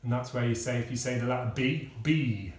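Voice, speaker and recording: A man giving a casual music lesson, explaining step by step with pauses and fillers. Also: medium pitch, little pitch movement, recorded from a distance. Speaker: music teacher. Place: kitchen. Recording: echoey room, speaker away from the mic.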